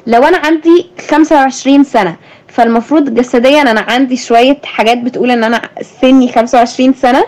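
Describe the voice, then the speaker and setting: A woman's voice: high-pitched, steady tone, rapid-fire, a little mellow, poor audio. A young woman with an Egyptian Arabic accent, hosting a thoughtful conversation and asking her guest questions. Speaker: host. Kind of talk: reflective conversation.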